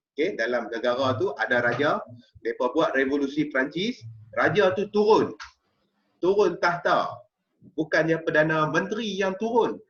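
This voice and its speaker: A man's voice: mid-range voice, fairly bright tone, highs cut off. A man teaching a history lesson to a class, explaining step by step and often checking in with his students. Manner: explanatory, checks in with frequent "okey?" and "ha?". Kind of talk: classroom lecture.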